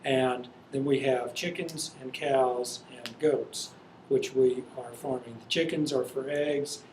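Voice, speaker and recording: A man speaking as an interviewed farmer, explaining his work in a halting, unscripted way. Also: medium pitch, steady tone, darkish tone. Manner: halting, hesitant delivery. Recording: echoey room with faint noise.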